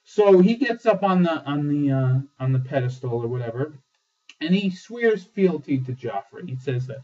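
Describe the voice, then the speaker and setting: A man hosting a casual TV episode review, excitable and swearing often, with lots of fillers. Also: on the high side, moderate pace. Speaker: host. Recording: dull lo-fi sound, distant mic.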